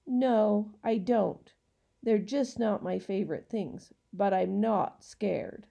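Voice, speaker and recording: A woman's voice: mid-range voice, slow pace, vocal fry, warm tone, highs cut off. A woman voicing a squeamish, emphatic young girl in a children's story. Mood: indignant. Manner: emphatic, indignant.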